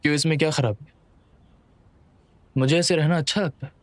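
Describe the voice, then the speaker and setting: A man's voice: on the high side, fairly quick, no echo, close to an everyday voice. A man dubbing a reserved young businessman who speaks curtly and rationally. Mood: restrained. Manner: curt, restrained, flat. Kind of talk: Hindi dub of a drama.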